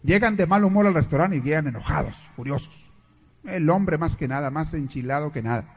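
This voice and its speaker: A man's voice: on the high side, lively intonation, brisk, darkish tone. A man, a priest giving a sermon in a storytelling, joking manner.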